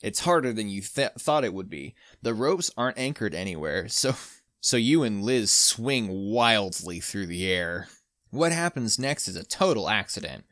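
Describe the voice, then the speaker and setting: A man's voice: on the low side, sing-song, moderate pace, fairly bright tone, no echo, studio quality. A man hosting a podcast, reading a story aloud with jokey asides. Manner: laughs often, jokey asides. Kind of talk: casual read-aloud with banter.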